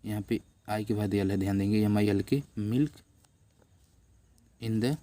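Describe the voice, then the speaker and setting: Casting note: middle-aged male tutor, low steady voice, patient, spells words out letter by letter for students to write down. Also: measured pace, no room sound. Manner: addresses viewers as friends, patient. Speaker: English teacher. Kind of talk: classroom-style lesson, slow dictation. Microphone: camera on a notebook while writing.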